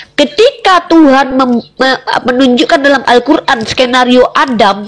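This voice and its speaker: A woman arguing in a heated religious debate, emphatic and challenging, firing off rhetorical questions at the man across from her. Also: sits high. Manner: repeatedly addresses the other man directly.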